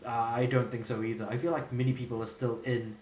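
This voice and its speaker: In this casual live-stream, the young Australian speaks at a quick pace with a level tone, a medium pitch, and a slightly mellow quality. He rambles cheerfully and laid-back, amused at himself, while a little hiss or hum sits under the echoey room sound.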